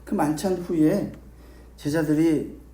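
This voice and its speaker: A man's voice: fairly high pitch, steady tone, takes it slowly, mellow, reverberant. A male pastor preaching a sermon, questioning the congregation and repeating key phrases for emphasis. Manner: emphatic repetition.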